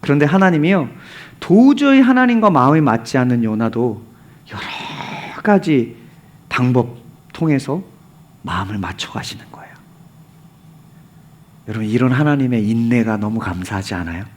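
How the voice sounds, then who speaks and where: A man's voice: medium pitch, animated, normal speed, long pauses. A male pastor preaching a sermon, telling the story with animation and asking the congregation rhetorical questions, sometimes dropping to a near whisper for emphasis.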